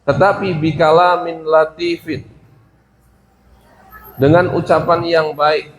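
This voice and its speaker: A man's voice: on the high side, little pitch movement, takes it slowly, slight background noise. A man teaching a religious lesson, reading Arabic phrases from a classical text, explaining them and acting out small dialogues. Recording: roomy with faint ambience.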